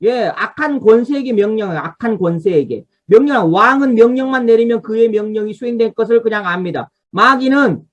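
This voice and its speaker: A woman's voice: a little high, expressive, brisk, hardly any pauses. A woman pastor leading an online revival Bible study over a video call. She teaches from a study guide, tells listeners what to underline, and asks the congregation to respond.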